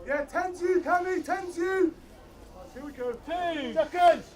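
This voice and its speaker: A male rugby referee calling short, clipped commands on the pitch, heard through a body mic with fuzzy distortion. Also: a little slow. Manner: barks short, clipped calls. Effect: fuzzy distorted mic sound. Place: outdoor sports ground. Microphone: worn body mic. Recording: distorted body mic outdoors, loud crowd.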